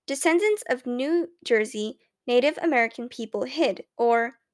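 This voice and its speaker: A woman voicing a schoolboy who reads a textbook aloud in class, haltingly and quietly. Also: on the high side, expressive, lightly acted. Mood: careful.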